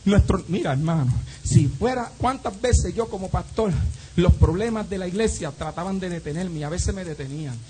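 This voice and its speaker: A male pastor preaching an evening sermon, firing off repeated rhetorical questions and swinging between shouts and hushed asides. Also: high-pitched, animated, normal speed, slight background noise, rough recording. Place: church.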